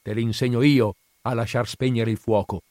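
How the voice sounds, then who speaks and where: A man voicing a drunken, bullying father who shouts at his son. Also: medium pitch, steady tone, moderate pace, no room sound, lightly acted. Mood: furious. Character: drunken brutal father, grown man, bitter temper.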